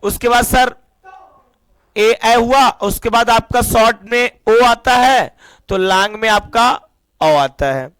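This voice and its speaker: A man's voice: extremely high pitch, slow pace, a bit bright, clear, resonant tone, dry recording. A young man teaching an English lesson, firing call-and-response questions at his students. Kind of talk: classroom lesson.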